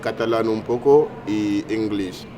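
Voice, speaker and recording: A man's voice: on the low side, measured pace. A man from Guinea with a Guinean accent, speaking imperfect second-language Spanish in a street interview. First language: not Spanish. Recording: outdoor street with clear traffic noise.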